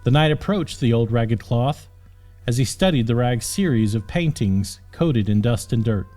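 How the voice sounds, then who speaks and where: Music runs beneath a male audiobook narrator reading a fantasy story with dramatic, scripted flair. His voice is medium-pitched and dark, animated, at a moderate pace.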